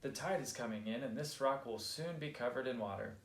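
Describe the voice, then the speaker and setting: A man voicing a big, helpful adult kittiwake seabird in a steady, reassuring storybook voice. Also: mid-range voice, a little fast, close to an everyday voice. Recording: roomy echo.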